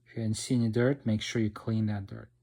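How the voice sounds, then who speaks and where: Brisk and gravelly yet warm, a fairly low male voice with little pitch movement guides viewers through a motorcycle fix. He's a DIY repair instructor giving informal hands-on narration, explaining and checking in with "okay" and "right."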